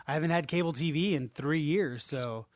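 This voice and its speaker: A man co-hosting a gaming podcast, rambling and swearing casually in relaxed chat. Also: fairly high pitch, moderate pace, no echo, studio quality. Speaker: podcast co-host.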